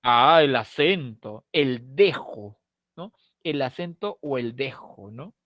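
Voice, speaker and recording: A man's voice: medium pitch, lively intonation, slow pace, fairly bright tone, no room sound, studio quality. A middle-aged man from Lima with a Peruvian accent, teaching a language class in a chatty, joking way and often ending lines with a questioning tag. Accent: Peruvian Spanish (Lima). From Lima, Peru. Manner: conversational, tags lines with "¿no?", jokes with students. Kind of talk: lecturing to a prep-course class.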